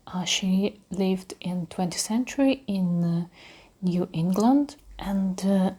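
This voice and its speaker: A woman talks in a soft, breathy ASMR voice that often slips toward a whisper. Her tone is dark and mellow, a little low for a woman. She has a Russian accent and a gentle, hesitant, unhurried delivery. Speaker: ASMR creator. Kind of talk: soft-spoken ASMR talk.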